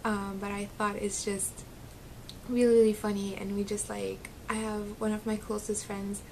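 A young Syrian woman, a beauty vlogger, chats casually to a close webcam while seated in her small bedroom, giggling and saying "um" a lot. She has a slight Arabic accent and a mid-range, darkish voice with little pitch movement at normal speed, and there is a little hiss or hum.

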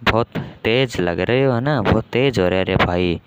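A man hosting a gaming channel, giving casual commentary on a match with excitable, self-mocking banter and lots of repeated exclamations. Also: fairly low pitch, moderate pace, heavy background noise. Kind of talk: casual live game commentary.

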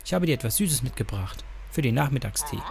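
A man's voice: mid-range voice, lively intonation, fast talker, gravelly, darkish tone. A man voicing a stubborn, eager young girl heroine in a game, reading her lines in a pleading, insistent way.

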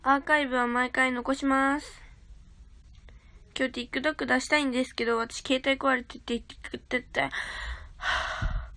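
A woman's voice: sits high, steady tone, unhurried, pauses often, sharp tone, no room sound. A young woman livestreaming from her grandmother's house on her phone, chatting casually with viewers and thanking them for gifts. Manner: chatty, thanks viewers for gifts, talks of herself as a big sister.

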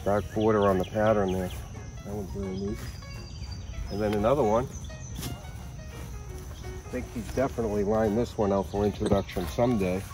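Over music, an easygoing garden visitor in middle age talks enthusiastically about flowers in a sunny garden, chuckling often in a casual interview. He has a Massachusetts accent and a lowish voice with fairly even intonation, speaking at normal speed and pausing often.

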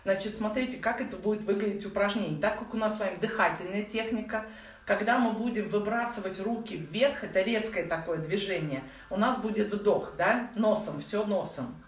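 A woman in her forties leads a beginners' practice in a chatty, informal way, sprinkling in affectionate diminutives. Her voice sits at a middling pitch. She is recorded at home some way from the mic, with noticeable room echo. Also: a little fast. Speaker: breathing practice instructor. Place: living room at home, indoors. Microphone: phone or camera set a little way off. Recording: echoey room, distant mic, faint noise.

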